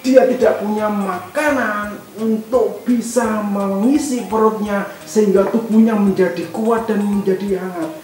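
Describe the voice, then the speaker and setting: A woman telling a Bible story to children at an online church service, gently asking them questions along the way. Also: mid-range voice, steady tone, unhurried, hardly any pauses. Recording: echoey room with music behind.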